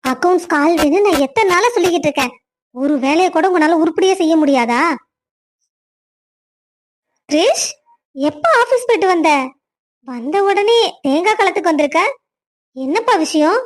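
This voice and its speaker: A woman's voice: very high voice, animated, moderate pace, long pauses. Woman voicing a bossy, teasing cartoon aunt. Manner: sharp, commanding, teasing.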